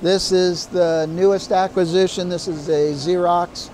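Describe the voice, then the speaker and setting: A man walks visitors through a busy print shop, talking at an unhurried pace with frequent pauses. His voice is mellow and sits a little high, and faint machine hum runs underneath. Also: fairly even intonation, low-quality recording. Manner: slow, explanatory, with pauses and fillers. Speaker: print shop manager giving a tour. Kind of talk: guided facility tour narration.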